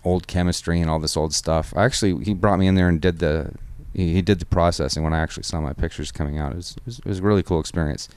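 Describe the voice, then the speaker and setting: Recording in a photo studio with no room echo, this Washington State podcast host chats casually with a guest, dropping "man," "dude" and curse words as he rambles. He talks fast with few pauses in a low, steady voice that is darkish, clear and resonant.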